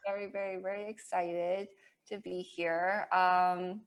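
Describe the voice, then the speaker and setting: A woman in her forties hosting a casual podcast conversation, chatty and quick to laugh. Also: fairly low pitch, level tone, crowd noise, rough recording. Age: 40s. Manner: chatty, laughs easily, uses lots of fillers. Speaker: podcast host. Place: home in Maine, US.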